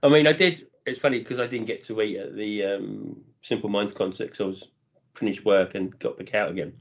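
A man's voice: lowish voice, steady tone, a little fast, vocal fry. A middle-aged man, chatting casually as a podcast co-host and enthusing about food. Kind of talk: casual chat. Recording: dull lo-fi podcast audio.

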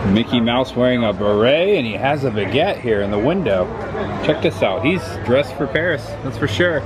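A man's voice: fairly low pitch, background noise. Chatty man vlogging outdoors. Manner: chatty, points things out as he walks. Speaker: theme park vlogger. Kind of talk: casual walking vlog narration. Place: outdoors at a theme park.

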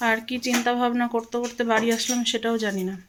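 A woman's voice: on the high side, flat delivery, background noise. A middle-aged woman from Bengal chatting casually in her home vlog, loose and rambling, a little out of breath. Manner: chatty, loose, with fillers and pauses. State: out of breath after walking. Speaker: vlogger.

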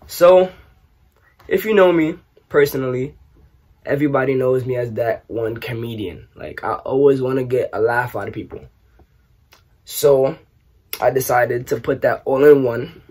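Young dude doing a q&a vlog in his room, slangy, joking around, kinda husky voice. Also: medium pitch, measured pace, long pauses. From New York, raised partly in Trinidad. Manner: animated, joking, slangy, gesturing with hands. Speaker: YouTuber. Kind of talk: casual Q&A vlog. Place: small bedroom, indoors.

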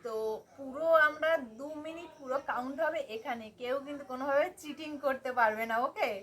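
A young woman hosts her own vlog, talking straight to her viewers in a lively, chatty way. Her voice sits high and sounds bright and forward. She is recorded outdoors on a sunny rooftop. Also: brisk. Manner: lively, addresses viewers as friends. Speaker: vlogger.

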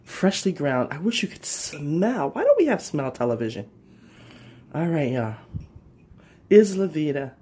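A woman's voice: deep voice, sing-song, measured pace, long pauses, dark tone. A middle-aged woman hosting a casual home cooking show from her kitchen, chatty and upbeat, talking straight to viewers.

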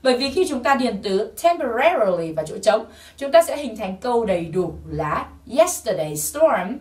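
A woman's voice: a little high, distant mic. A woman teaching a TOEIC English lesson, patiently explaining answers and drilling pronunciation through repetition. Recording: roomy sound from off-mic.

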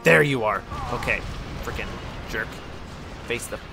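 A man giving let's-play commentary, excitable, swinging from quiet muttering to yelling at the game. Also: mid-range voice, a little slow, creaky, over music. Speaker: gaming channel host.

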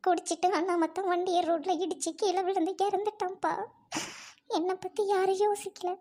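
A woman's voice: extremely high pitch, level tone, a little fast, mellow. A woman playing a grieving young widow, speaking in a sorrowful, pleading way as amateur drama acting.

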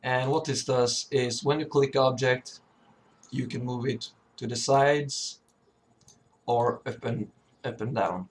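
Male tutorial presenter, slow and hesitant, mid-pitched, voice cracking from sickness. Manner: hesitant, often stumbling and throat-clearing. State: sick, sore voice. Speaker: tutorial presenter, level designer. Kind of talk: informal software tutorial.

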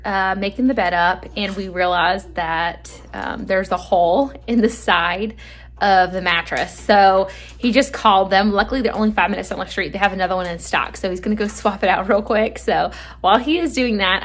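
A woman in her thirties chatting casually to her phone camera in her living room while she folds laundry, upbeat and quick to laugh. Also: mid-range voice, slight background noise. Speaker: home vlogger.

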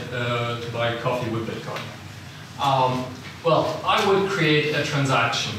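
Heavy echo fills a lecture room with a projector screen as a young Swiss-accented man from Italian-speaking Switzerland delivers a technical seminar talk, easygoing and self-deprecating, with frequent ums and uhs. A far room camera, no mic visible, records his mid-range voice over constant background noise.

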